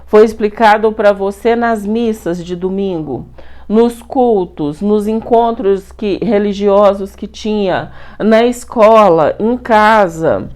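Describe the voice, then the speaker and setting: A middle-aged Brazilian woman telling a personal story to her viewers in a lively, colloquial, repetitive way. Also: medium pitch, slow pace. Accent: Brazilian Portuguese. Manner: animated, repetitive, colloquial retelling. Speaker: spiritual channel host.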